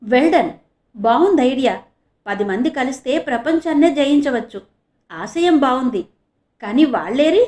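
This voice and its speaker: A woman's voice: high voice, lively intonation, normal speed, pauses often, a little mellow, roomy sound. A woman doing a teasing young woman.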